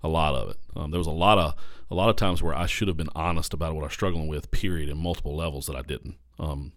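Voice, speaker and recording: A low-voiced man speaks as a pastor on his podcast, telling a candid story in an animated way. He repeats phrases for emphasis. His voice is recorded close and dry on a podcast microphone. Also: fast talker, dry recording.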